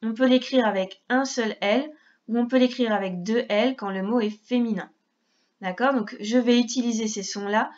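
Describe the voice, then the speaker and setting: A woman teacher giving a dictation lesson to young children, speaking slowly and carefully, repeating each syllable and addressing the child directly. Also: a little high, a little mellow, lo-fi sound. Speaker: primary school teacher.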